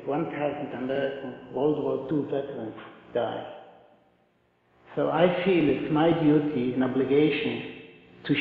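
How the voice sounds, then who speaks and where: A man's voice: a little high, vocal fry. An older man from Poland with a Polish accent, giving an earnest, plain-spoken survivor testimony at a podium in a large auditorium. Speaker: Holocaust survivor speaker. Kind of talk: testimony talk. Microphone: podium mic, far camera. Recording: echoey hall, lo-fi camcorder sound.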